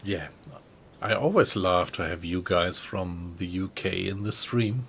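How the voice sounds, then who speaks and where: A man's voice: deep voice, unhurried, a little hiss or hum. A man with a German accent, casually commentating a live game stream and chatting with viewers. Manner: relaxed, chatty, greets viewers in chat.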